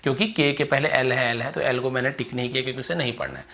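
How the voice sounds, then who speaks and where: A man's voice: medium pitch, quick pace, gravelly, pushed and bright. Indian guy teaching english spelling, says each word over and over, asks then answers himself. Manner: repetitive, drills words aloud, asks and answers own questions. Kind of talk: spoken English lesson on silent letters.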